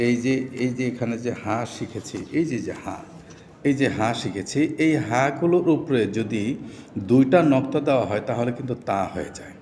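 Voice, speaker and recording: A man's voice: medium pitch, a little mellow. Male Quran reading teacher, Bangladeshi Bengali accent, patient letter-by-letter spelling drills, voice carrying a long echo over a faint hum. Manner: spells out letters and vowel marks slowly, then blends them. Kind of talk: step-by-step recitation lesson. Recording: roomy long reverb, faint background hum.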